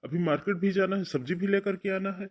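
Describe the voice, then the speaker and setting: In a high-pitched, fast voice, a man plays a stern, domineering older brother in a cartoon family melodrama. He sounds angry and commanding as he scolds and gives orders.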